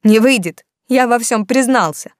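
A woman's voice: fairly low pitch, fairly even intonation, normal speed, a little mellow, dry recording, studio quality, natural voice. A woman voicing an agitated, defiant young man in love, in an audiobook. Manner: agitated, outbursts.

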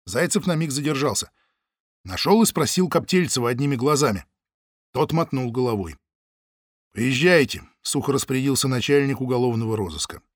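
A man narrating an audiobook in a vivid, expressive storytelling manner. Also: mid-range voice, brisk, dry recording, studio quality. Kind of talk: scripted narration.

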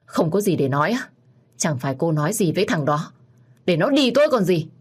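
A woman voicing a drunk, aggressive young man who shouts and taunts. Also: on the low side, fairly quick, close to an everyday voice. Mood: furious.

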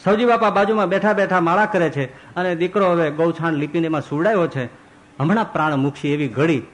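A man with a somewhat high voice preaching a devotional sermon as a monk. He tells his stories with animation and swings his pitch up for emphasis as he builds each point. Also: brisk, low-quality recording. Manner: animated storyteller who voices characters.

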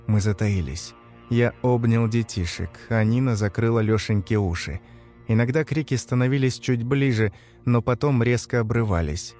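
Male narrator for a dark first-person audiobook, grave and measured, music softly beneath. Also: mid-range voice.

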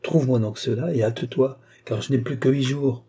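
A man's voice: medium pitch, fairly quick, mellow, breathy edge. A man voicing a scornful ancient alchemist. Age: older. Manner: imperious, scornful, rising to fierce outbursts. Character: ancient male alchemist, frail, bedridden, tyrannical. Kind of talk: audiobook character reading.

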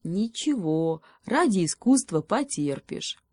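A woman voicing a boastful, jolly male circus bear who talks in a loud, drawn-out way. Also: fairly low pitch, sing-song, dry recording, studio quality, full character voice. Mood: mocking.

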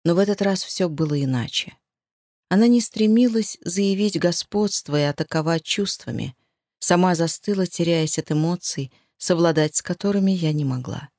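A woman narrating a first-person novel as an audiobook in a steady, emotive storytelling manner. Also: lowish voice, moderate pace, no echo, studio quality.

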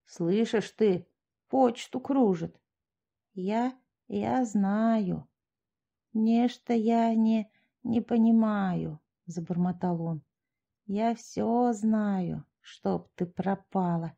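Woman reading as a grumbling sexton man, slow mutter, low, dark mellow tone, audiobook story. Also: creaky, lo-fi sound. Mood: accusing. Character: gruff suspicious peasant sexton, middle-aged man.

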